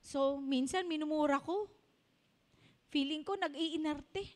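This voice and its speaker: Tearful remorseful woman patient, put on by a woman preacher, raised pleading tone, high pitch. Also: a little slow, darkish tone. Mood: lamenting.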